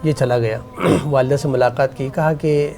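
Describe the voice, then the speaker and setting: A man's voice: medium pitch, steady tone, a little mellow, faint music behind. A man hosting a religious talk show, asking the scholar questions and retelling anecdotes with feeling. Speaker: host.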